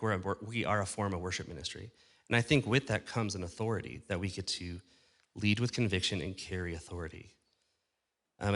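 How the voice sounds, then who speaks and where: Man giving a casual talk, lowish voice. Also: fairly bright tone. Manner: conversational, asks the audience questions, self-deprecating. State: losing his voice. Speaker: conference speaker on church production. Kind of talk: casual live talk to an audience. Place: conference stage before a live audience.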